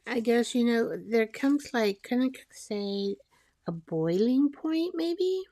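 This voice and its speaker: A woman chatting casually as she makes a collage, rambling and talking to herself while she glues, her voice soft and sometimes dropping to a whisper. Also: a little high, lively intonation, slow pace. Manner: soft-spoken, drifting into whispers. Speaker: collage artist. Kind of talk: casual crafting narration.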